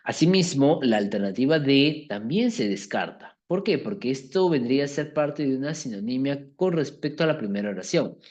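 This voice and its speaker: Teacher, male, animated pitch, explains patiently, keeps asking if the class follows. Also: moderate pace, hardly any pauses. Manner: keeps checking understanding with tag questions. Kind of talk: explaining a language exercise to a class.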